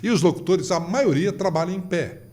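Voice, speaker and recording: A Brazilian-accented man in his fifties tells stories as a seasoned radio announcer. His voice sits a little high and swoops widely in pitch. He mimics the people he quotes as he goes. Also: moderate pace. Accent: Brazilian Portuguese. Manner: animated, acts out quoted voices. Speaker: veteran radio announcer, podcast guest. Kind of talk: storytelling in a casual interview.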